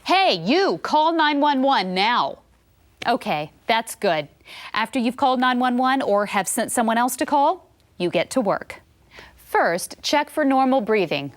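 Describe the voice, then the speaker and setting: A woman giving scripted CPR instruction, calm and clear, coaching step by step. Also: a little high.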